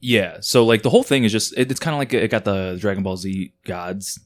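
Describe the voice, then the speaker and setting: A man co-hosting a podcast in casual chat, jokey and quick with quips. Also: fairly low pitch. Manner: jokey, quick to throw in silly voices and quips. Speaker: podcast co-host.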